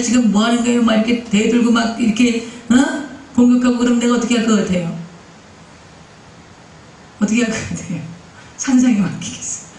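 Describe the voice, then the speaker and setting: A male pastor preaching a sermon, emphatic and repetitive, often turning to the congregation with direct questions. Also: very high-pitched. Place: church sanctuary. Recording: echoey church hall, mic at a distance.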